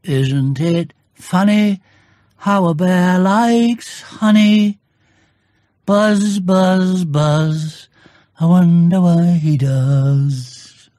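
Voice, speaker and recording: A man voicing an earnest, muddle-headed little bear in a storybook, pondering slowly as he goes. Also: sits high, dry recording, studio quality, voice pushed up. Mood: singing, musing. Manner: slow, pondering, singsong when excited.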